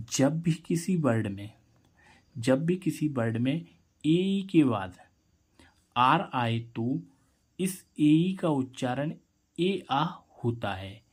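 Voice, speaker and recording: Male online tutor, slow and deliberate, repeats each answer for the viewers. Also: mid-range voice, darkish tone, breathy edge. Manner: slow, repetitive, quizzing the viewers. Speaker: English teacher. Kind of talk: Hindi-medium pronunciation lesson.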